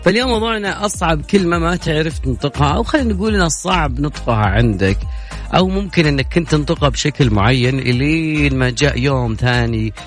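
A man's voice: fairly high pitch, expressive, soft background music. A man hosting a casual radio talk show, chatty and playful. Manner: chatty, playful, fast-talking. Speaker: radio host.

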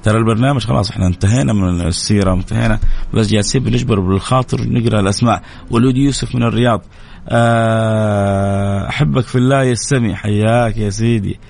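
A man's voice: on the low side, vocal fry, slight background noise. A male radio host, chatting casually and greeting listeners one after another. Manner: warm greetings, quick lively delivery. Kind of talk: casual live radio chat, reading listener names.

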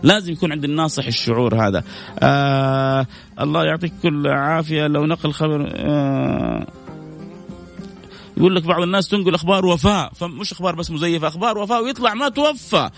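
A middle-aged man with a Saudi accent hosting a religious advice talk show, animated and preachy, with mocking asides. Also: a little high, quick pace, gravelly, faint music behind. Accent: Saudi Arabic. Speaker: host.

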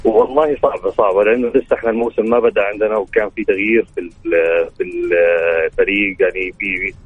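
A man's voice: on the low side, fairly even intonation, fast, breathy edge. A man calling in to a radio show over the phone, talking hesitantly and filling gaps with stock pious phrases. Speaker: caller to a sports radio show. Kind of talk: casual phone-in chat. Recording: tinny phone line.

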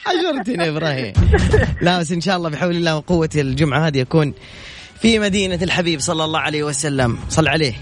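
A man hosting a radio call-in quiz, teasing and affectionate with his callers in lively banter. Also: a little high, racing, faint music behind.

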